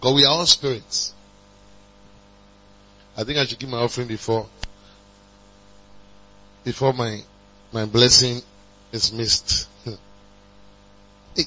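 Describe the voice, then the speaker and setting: A man preaching a sermon, calling on the congregation to respond and building to emphatic high passages. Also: fairly even intonation, takes it slowly, long pauses, sharp tone. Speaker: pastor. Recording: dull lo-fi recording with mains hum.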